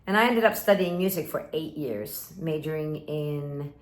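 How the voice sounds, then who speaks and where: Talking to camera at a moderate pace, this Swedish woman in her fifties has a voice that sits low and an American-influenced English accent. As a relationship coach she's earnest and emphatic, voicing inner thoughts aloud, in a room with a roomy echo.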